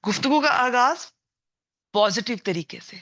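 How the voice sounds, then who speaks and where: A woman's voice: on the high side, animated, pushed and bright. A woman giving an Islamic lecture to women, earnest and advising, now and then acting out scolding voices. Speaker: religious lecturer.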